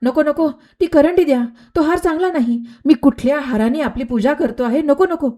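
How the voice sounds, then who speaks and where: A woman's voice: a little high, animated, measured pace, mellow, pitched above the performer's own voice. A woman voicing a frightened male village gardener who pleads and stammers in a storybook tale. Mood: panicky.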